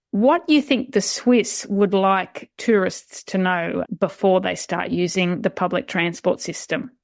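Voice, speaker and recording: A woman's voice: mid-range voice, no echo, studio quality. A woman hosting a travel podcast, reading a scripted intro and then chatting politely and encouragingly with her guest. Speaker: podcast host.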